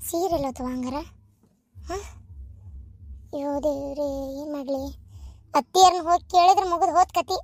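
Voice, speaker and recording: A woman plays a fretful young village wife in a cartoon, anxious and tearful, with a North Karnataka accent. The voice is very high and whiny, recorded close and dry. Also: moderate pace, pauses often, darkish tone, no echo. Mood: worried. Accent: North Karnataka Kannada. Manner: whining, worried, tearful.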